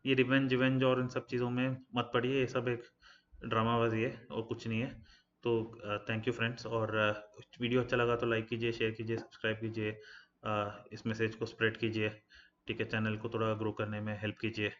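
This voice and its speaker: A man's voice: on the low side, completely flat delivery, normal speed, fairly bright tone, highs cut off, slight background noise. A man giving blunt, casual career advice to his channel viewers, talking conversationally with frequent fillers and English phrases mixed in.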